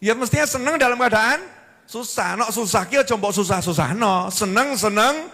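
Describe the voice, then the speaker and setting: A man preaches with a Javanese accent, his voice high, bright and forceful. He swings widely up and down as he tells stories and acts out the voices of the people in them. A long reverb hangs on every word, as from a big hall. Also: normal speed. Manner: animated storytelling, acts out dialogue in Javanese. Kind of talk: sermon.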